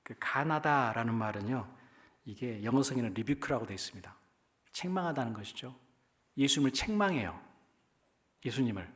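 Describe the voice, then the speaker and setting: A man's voice: mid-range voice, lively intonation, a little fast. A male pastor from the Jeolla region of Korea with a Jeolla accent, preaching a sermon in a conversational way and often putting questions to the congregation. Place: church.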